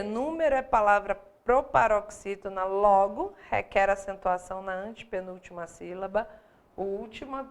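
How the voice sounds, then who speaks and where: Gravelly-voiced Brazilian woman teaching grammar. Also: medium pitch. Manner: explains step by step, often asking "né?". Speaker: Portuguese teacher for exam prep. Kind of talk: live online grammar lesson.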